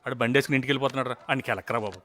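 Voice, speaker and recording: A man's voice: medium pitch, very fast, a bit bright, close to an everyday voice. An actor playing a man who warns his friends urgently, with a Telugu accent. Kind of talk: Telugu film comedy acting.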